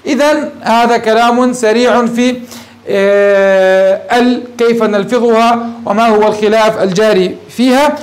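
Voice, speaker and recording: High-voiced sheikh teaching grammar. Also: male voice, fairly even intonation, unhurried. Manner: asks the class questions and answers them himself; addresses listeners as dear ones. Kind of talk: classroom lesson on grammar.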